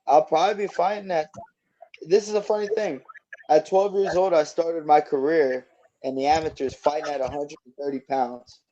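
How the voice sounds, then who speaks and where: A boxer in his twenties chats casually as an interview guest, easygoing and rambling with plenty of fillers. His medium-pitched voice is warm, though the highs are cut off.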